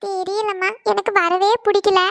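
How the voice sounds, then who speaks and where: A whiny, tearful cartoon college girl, as a woman puts her on, in a very high, drawn-out pleading voice. She sounds sulky and upset. The recording is dry and close. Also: level tone, a bit bright, no room sound. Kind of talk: cartoon voice acting.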